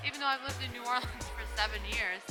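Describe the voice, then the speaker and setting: A woman's voice: on the high side, fast. A woman from New York with a New York accent, chatting casually to her viewers as a travel vlogger. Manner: chatty, keeps addressing viewers as "guys". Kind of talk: casual vlog chat. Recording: loud music playing under the voice. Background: loud music.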